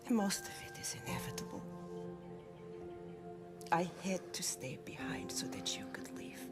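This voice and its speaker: An actress playing a tender, sorrowful mother in a video game drama, gently comforting her son and often slipping into whispers. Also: deep voice, takes it slowly. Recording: loud music under the voice.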